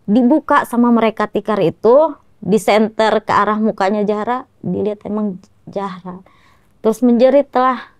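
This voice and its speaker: A woman's voice: mid-range voice, moderate pace, no room sound. A woman telling her story in an interview, speaking in short clipped phrases and often quoting what others said. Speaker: guest, mother of the victim. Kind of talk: emotional recounting in an interview.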